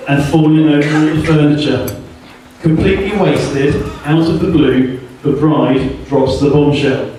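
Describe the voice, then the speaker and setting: A man giving a joking best man speech in deadpan delivery at a wedding reception. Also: a little high, measured pace, hardly any pauses. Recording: echoey hall from far off, laughing crowd. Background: guests laughing.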